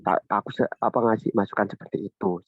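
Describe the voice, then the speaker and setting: Guy sharing parenting stuff on a video call, kinda low, dry tinny phone sound. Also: fairly even intonation, no echo. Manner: halting, many restarts and fillers. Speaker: parent sharing in a church group. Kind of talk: casual testimony sharing.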